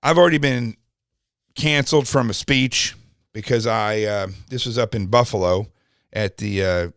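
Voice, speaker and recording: A man's voice: lowish voice, fairly bright tone, no room sound, studio quality. A man hosting a podcast, talking in an indignant, mocking, rambling way about a news clip. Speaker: podcast host. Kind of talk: opinionated commentary.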